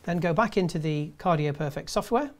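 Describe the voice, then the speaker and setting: A man's voice: fairly high pitch, a little mellow. Man narrating step-by-step instructions. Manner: measured step-by-step delivery. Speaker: presenter.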